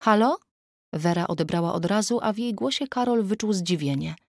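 A woman narrating an audiobook in a steady, even storytelling voice, recorded close on a studio mic. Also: medium pitch, brisk, vocal fry, no room sound. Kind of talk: scripted narration.

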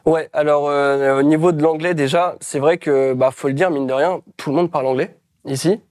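A man from France, a guest in a casual interview, talking in a relaxed, chatty way with frequent hesitations. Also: fairly high pitch, moderate pace.

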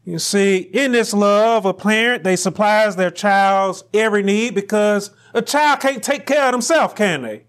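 High-voiced preacher with slow emphatic delivery. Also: male voice. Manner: rising to near shouts on emphatic lines, slow deliberate phrasing. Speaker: pastor. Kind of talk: sermon. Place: small church room with pulpit, indoors.

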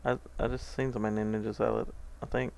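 A woman's voice: very deep voice, level tone, fast talker, creaky, a little mellow, slight background noise. A woman streaming an online game with a friend, laughing a lot and swearing freely in casual chat. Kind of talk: casual chat while gaming.

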